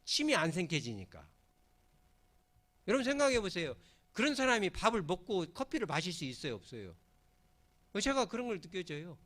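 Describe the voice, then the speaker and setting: A middle-aged Korean pastor delivers a sermon in his church, his voice bright and forceful. He swings his pitch widely as he tells folksy stories and acts out quotes. He calls on his congregation to repeat lines after him. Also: huge pitch swings, normal speed, long pauses. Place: church sanctuary.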